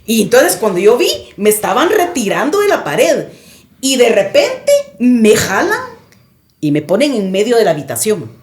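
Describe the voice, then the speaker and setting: A woman's voice: a little high, wildly swooping pitch, moderate pace, a little mellow, echoey room, slight background noise. A woman guest on a podcast recounting a personal experience in vivid, dramatic storytelling.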